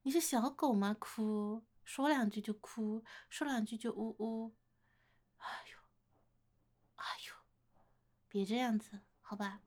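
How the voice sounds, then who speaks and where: A slow, fairly high-pitched, soft-spoken older-sister figure, played by a woman in a romantic role-play audio. She teases and coaxes her admirer playfully, drawing out her words with gentle affection. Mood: teasing, coaxing. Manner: coaxing, playful teasing, gentle laughter. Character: teasing, affectionate older-sister woman wooed by a younger man.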